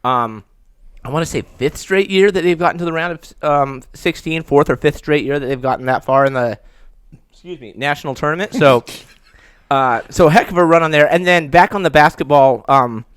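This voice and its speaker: A man talks casual sports in a slightly high voice, recorded close and dry. His mouth is burning from spicy food, so he halts, stammers and struggles to get sentences out. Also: fairly bright tone, smooth, no room sound. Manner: halting, stammering. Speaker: sports editor, guest.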